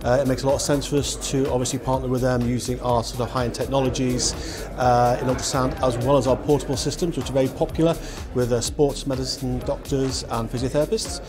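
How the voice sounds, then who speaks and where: A man's voice: medium pitch, level tone, fast, hardly any pauses. A man speaking as a company representative in a polished promotional interview. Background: music bed.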